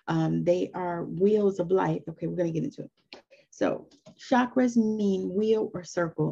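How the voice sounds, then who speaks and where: A woman's voice: on the low side, gravelly, dark tone, slightly rough, highs cut off. A woman in her fifties giving an earnest, encouraging spoken lesson on spiritual growth in a loose, conversational way. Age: 50s. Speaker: spiritual teacher.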